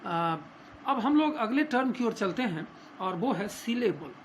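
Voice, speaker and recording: Male Indian English tutor, slow deliberate lesson delivery, hesitant, faint background hiss. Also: high voice, expressive. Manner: slow, hesitant, explanatory, frequent filler pauses. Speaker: English teacher. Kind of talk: classroom grammar lesson, Hindi mixed with English.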